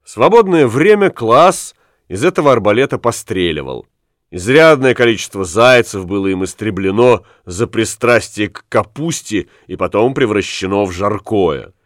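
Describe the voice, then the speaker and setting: A man narrating a classic novel as an audiobook, in a measured, even storytelling manner. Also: on the low side, no echo, studio quality. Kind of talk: scripted literary narration.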